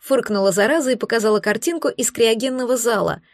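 A woman reading a first-person sci-fi audiobook in a steady, expressive way. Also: a little high, quick pace, dry recording. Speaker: audiobook narrator. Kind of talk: first-person scripted narration.

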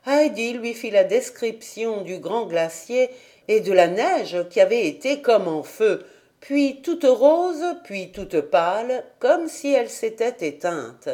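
A woman reading a children's classic aloud as an audiobook narrator in a slow, measured way. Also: mid-range voice, big pitch swings, dark tone. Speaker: audiobook reader. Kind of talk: storybook narration.

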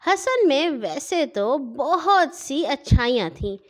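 A woman narrating a children's story in an expressive storytelling manner. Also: high-pitched. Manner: expressive, sing-song storytelling.

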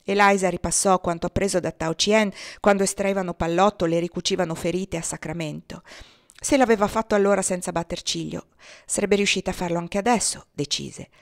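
A woman's voice: lowish voice, fairly even intonation, a little fast, dry recording, studio quality. A woman narrating a novel as an audiobook, reading expressively and dramatically. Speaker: audiobook reader.

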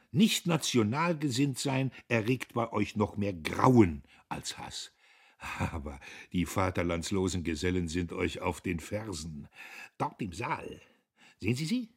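A man's voice: medium pitch, husky. A man reading an audiobook, voicing a drunk, sentimental older liberal who declaims grandly. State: tipsy.

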